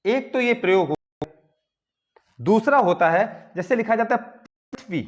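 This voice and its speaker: This recording has dull audio and captures an animated man whose voice sits high. Standing at a board, he walks through Hindi grammar slowly, step by step, saying "ठीक है" ("okay") between points to check in.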